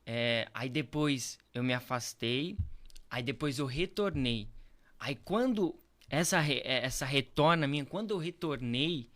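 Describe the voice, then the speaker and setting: A man's voice: mid-range voice, animated, a little slow, a bit bright. A young Brazilian man, a pastor, telling his faith story in an earnest, repetitive way full of tag questions. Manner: earnest, repeats phrases, frequent tag questions. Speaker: pastor, podcast guest. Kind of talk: casual testimony chat.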